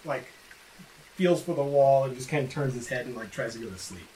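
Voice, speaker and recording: A man's voice: mid-range voice, lively intonation, a little fast, dark tone. A man improvising narration as game master of a tabletop fantasy game. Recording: roomy, distant mic with faint noise.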